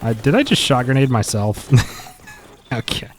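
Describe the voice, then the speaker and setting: A man's voice: mid-range voice, very animated, measured pace, slight background noise. A man giving casual, opinionated gameplay benchmark commentary, chatty and mildly exasperated. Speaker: gaming content creator.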